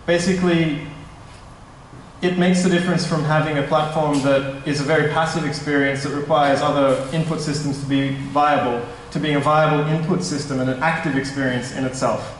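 A young man talks a meetup crowd through his product in a casual, slightly nervous way, often correcting himself mid-sentence. His voice sits a little high for a man. The sound is distant and washed in heavy hall echo, with faint room noise behind. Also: fairly even intonation, a little fast. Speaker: tech startup presenter. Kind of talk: conference presentation. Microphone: stand mic at a distance. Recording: echoey hall, mic at a distance.

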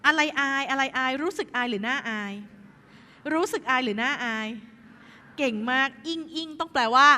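A woman teaching English to students in a school, chatty and lively, asking the class questions as she goes. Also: high voice, normal speed, slight background noise. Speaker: English tutor. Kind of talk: classroom tutoring session. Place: school hall. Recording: echoey hall.

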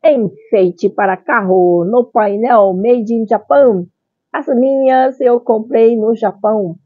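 A middle-aged Brazilian woman presents products to camera in a high, cutesy voice. She takes her time, exclaims often and mixes in Japanese phrases. The sound is dull and boxy, like a phone recording. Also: takes it slowly, dry recording. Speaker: channel host. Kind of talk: vlog product showcase. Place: small tiled room at home.

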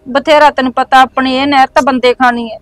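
A woman's voice: fairly even intonation, brisk, fairly bright tone. Woman playing a weary village mother. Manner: subdued, low-key, worn.

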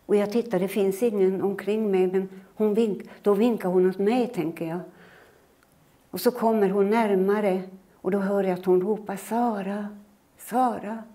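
A woman in her eighties, originally from Finland, giving a lecture in which she recounts her own life in a measured, reflective way. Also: mid-range voice, mellow. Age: 80s. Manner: measured, reflective storytelling that acts out her own remembered words. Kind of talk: personal storytelling lecture.

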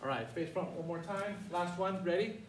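A man's voice: high-pitched, normal speed. An older man teaching a karate class, calling out short, commanding cues for students to repeat. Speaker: martial arts instructor. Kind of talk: karate lesson with call-and-response drills. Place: large martial arts studio, indoors. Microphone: far camera. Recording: roomy, distant mic with faint noise.

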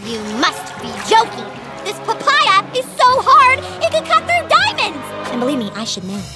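Picture a spoiled teenage girl dog from a cartoon, talking in a very high, shrill voice that leaps all over the place. She is bossy, sarcastic and theatrical. Cartoon music plays loudly underneath. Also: sing-song, brisk.

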